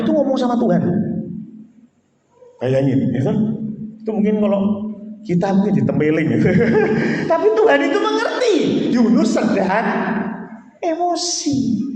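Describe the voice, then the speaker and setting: A man's voice: extremely high pitch, darkish tone. A man with a Javanese accent preaching a chatty, conversational sermon as a pastor, teasing and often asking for agreement. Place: church hall. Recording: echoey hall, faint hiss.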